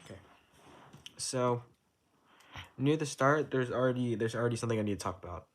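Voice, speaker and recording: A young man casually explains how to play a rhythm game chart, counting note timings aloud and swearing in passing as he restarts sentences. His medium-pitched voice is fairly quick, with rhythm game music and a little hiss or hum behind it.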